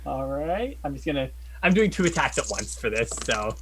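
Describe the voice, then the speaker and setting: A man's voice: medium pitch, very animated, normal speed, noisy background. A man chatting casually as a player in a tabletop game, often counting up his dice aloud.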